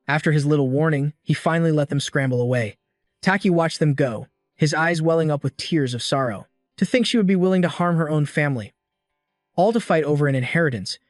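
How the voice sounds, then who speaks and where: Man, story recap narrator, dramatic steady reading, slightly high voice, dry close sound, faint music. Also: no echo.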